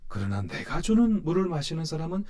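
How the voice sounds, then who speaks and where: A man voicing a calm male teacher's quoted words in a measured, solemn reading. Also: on the high side, pitched above the performer's own voice.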